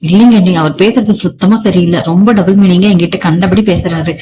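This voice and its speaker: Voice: mid-range voice, steady tone, a little fast, close to an everyday voice, rough recording. A narrator reading as a defiant young wife. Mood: hurt, indignant. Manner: sharp, scolding. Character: defiant angry young married woman.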